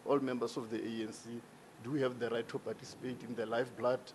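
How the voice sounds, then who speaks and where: Over crowd noise in a large hall full of seated listeners, a South African regional party executive explains procedure into a handheld microphone as a town hall debate answer. His medium-pitched delivery is fast and fairly flat, yet formal and explanatory with rising emphasis.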